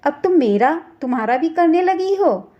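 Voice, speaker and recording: A woman's voice: very high-pitched, lively intonation, normal speed, muffled recording, voice pushed up. A woman voicing a scolding older mother-in-law who taunts and accuses in a storybook tale. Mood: taunting.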